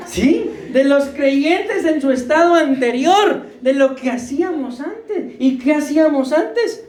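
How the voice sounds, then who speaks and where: A woman's voice: high-pitched, animated, slow, a little mellow, echoey room. A woman preaching a sermon to her congregation, firing rhetorical questions at them and calling for amens. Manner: calls for amens.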